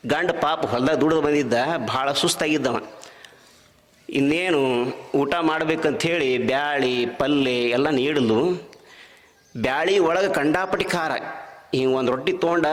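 A man's voice: medium pitch, in a large hall. A man with a North Karnataka Kannada accent preaching a devotional sermon, telling folk stories and asking the crowd rhetorical questions. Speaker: preacher at a spiritual discourse.

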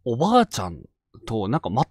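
A man from Fukushima leads a ghost story session and narrates the tale himself. His pitch rises and falls dramatically as he builds the suspense, and he often sinks to a hushed voice at the tense moments. The sound is dry and close, with almost no room echo. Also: wildly swooping pitch, brisk, breathy edge. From Fukushima Prefecture, Japan. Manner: dramatic storytelling, drops to hushed tones for tension. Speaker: ghost story teller and host.

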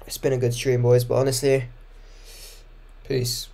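A young man hosting a reaction video, commenting casually and breaking into loud, mocking bursts of disbelief. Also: medium pitch, monotone, a little slow, creaky, background noise.

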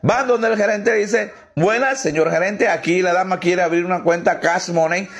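Joke teller, male, high voice, acts out every character. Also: moderate pace, fairly bright tone. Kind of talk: telling jokes.

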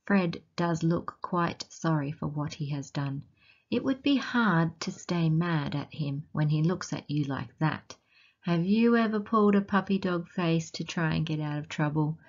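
An Australian woman reads a picture book to young children at an unhurried pace, pausing to ask them questions. Her voice sits a little low and has a soft, breathy huskiness. The recording sounds somewhat dull and lo-fi. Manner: gentle teacherly questions to young listeners. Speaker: children's storytime reader.

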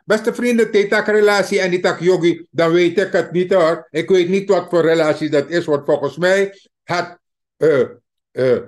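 A man with a Surinamese Dutch accent giving a mocking, emphatic political commentary to his viewers. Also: high-pitched. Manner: slow, mocking, emphatic, addresses viewers as dear friends. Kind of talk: opinion commentary monologue.

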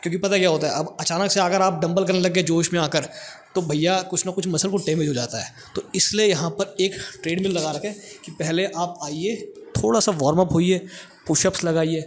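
A man's voice: sits high, a little fast, a little hiss or hum. Chatty young man touring a gym. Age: young adult. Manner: chatty, joking, addresses viewers directly. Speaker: vlogger giving a gym tour. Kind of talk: casual walking tour vlog. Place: indoor college gym, medium-sized room. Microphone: clip-on lapel mic.

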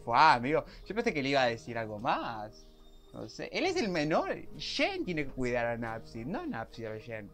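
A young man, reacting excitedly to a series episode and reading its subtitles aloud, often shrieking. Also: mid-range voice, normal speed, faint music behind. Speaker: reaction video host. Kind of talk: casual reaction commentary.

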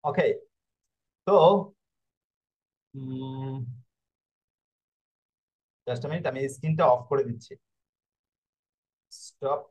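A man's voice: medium pitch, extremely slow, long pauses, darkish tone. A man teaching Italian pronunciation in an online class. He explains in a repetitive way and keeps checking with his students.

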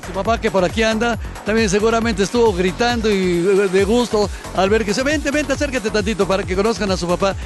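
A middle-aged man with a Mexican Spanish accent hosts a TV sports interview outdoors beside a fountain, handheld mic in hand, enthusiastic and full of exclamations. His voice is high-pitched and fairly quick with few pauses, over a music bed.

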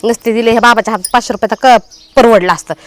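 A woman playing a nagging wife in a comedy skit, scolding loudly. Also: fairly high pitch, fast, no echo. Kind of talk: village comedy skit acting.

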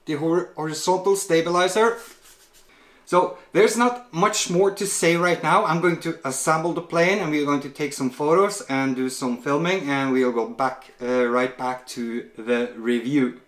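A man's voice: fairly high pitch, measured pace. Roomy-sounding man reviewing a model plane. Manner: relaxed, hesitant with many filler sounds. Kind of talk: product unboxing review.

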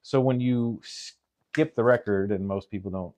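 A man, a therapist co-hosting a podcast, chatting casually and acting out panicked and calming self-talk. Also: on the low side, unhurried. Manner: animated storyteller, acts out panicked and calm self-talk. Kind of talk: casual chat.

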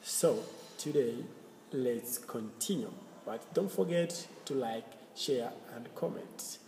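A man teaching a slow language lesson, repeating and spelling out words letter by letter. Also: mid-range voice, expressive, creaky, warm tone, a little hiss or hum. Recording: roomy echo with faint ambience.

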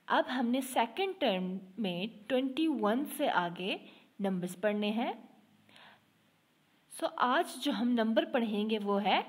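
A woman teaching young students in an online class, moving her fairly high voice up and down a lot. She speaks slowly with a slightly husky tone and mixes English words into her lesson. She keeps repeating herself and checking that everyone is following. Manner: slow and patient, repeating and checking with "ठीक है"; mixes English with Urdu-Hindi.

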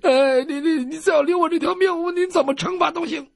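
A man's voice: very high-pitched, fairly quick, gravelly, no echo, studio quality, voice pushed up. A man doing a shrieking cowardly quack doctor. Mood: cringing pleading. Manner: shrieking, stammering, pleading. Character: cowardly male quack doctor begging for life. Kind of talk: traditional Chinese storytelling.

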